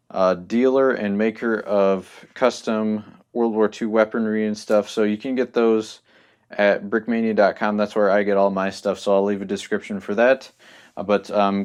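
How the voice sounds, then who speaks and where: A man's voice: lowish voice, clear, resonant tone. A young man hosting a casual hobby tutorial, talking loosely with lots of ums and restarts as he explains his supplies.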